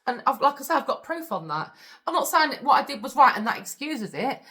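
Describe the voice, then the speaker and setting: A woman's voice: high voice, sing-song, fairly quick, bright, forceful tone. A woman vlogger telling her own story to camera, blunt and candid, swearing freely.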